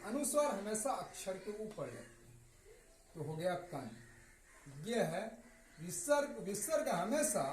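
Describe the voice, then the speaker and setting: A man teaching a slow, step-by-step writing lesson, patiently repeating each answer and dropping his voice at every result. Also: sits high. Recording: echoey room with faint noise.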